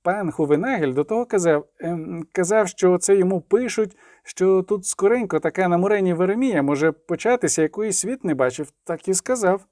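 Man playing a high, fawning young peasant lad, rustic and rambling, audiobook figure. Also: a little fast, hardly any pauses, a little mellow, no room sound, clean studio sound, lightly acted. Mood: pleading. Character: servile eager young male peasant lad.

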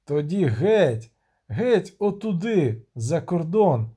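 A man's voice: fairly high pitch, sing-song, slow pace, mellow, slightly rough, exaggerated voice. A man voicing a stern, authoritative male military commander who proclaims orders. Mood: commanding.

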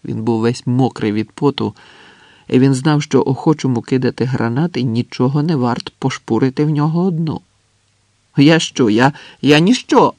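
A man narrating an audiobook in a calm, steady reading voice. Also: mid-range voice, moderate pace, dry recording. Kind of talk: scripted narration.

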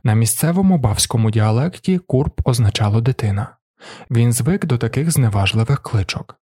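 Brief: male narrator, husky, steady, dry close mic, audiobook. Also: medium pitch, moderate pace, no echo. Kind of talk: scripted narration.

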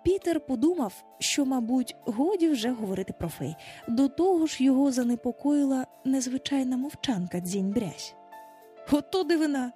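A woman narrating an audiobook in an expressive, lively storytelling manner. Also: high voice, normal speed, faint music behind.

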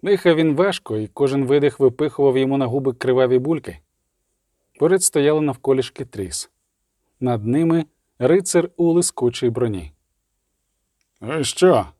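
Male audiobook narrator, steady and somber; mellow tone, dry close sound. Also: medium pitch, normal speed, dry recording. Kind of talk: scripted narration.

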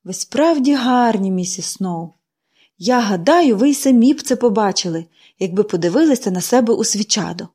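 A woman's voice: medium pitch, expressive, moderate pace, mellow, slightly rough. A woman reading a storybook and voicing a cheerful, talkative little girl who speaks eagerly. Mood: bubbly.

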